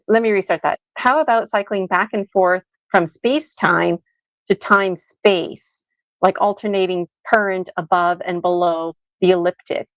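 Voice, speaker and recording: A woman's voice: on the low side, no room sound, muffled recording. A woman hosting a podcast over a video call, chatting in a rambling, self-amused way. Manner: chatty, rambling, laughing at herself. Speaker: podcast host. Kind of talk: casual chat on a live video podcast.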